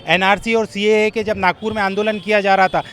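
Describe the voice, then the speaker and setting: A man's voice: sits high, level tone, brisk, a bit bright, slight background noise. A man interviewed on a city street, speaking emphatically like a speech and throwing accusing questions. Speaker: local supporter interviewed on the street.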